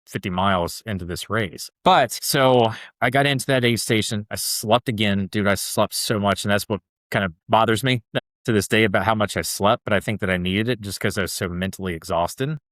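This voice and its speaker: A man's voice: on the low side, brisk, a bit bright, dry recording, studio quality. A man as a podcast guest, telling a personal story in a loose, chatty way full of "like" and "dude". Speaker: podcast guest, ultra runner. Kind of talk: casual storytelling interview.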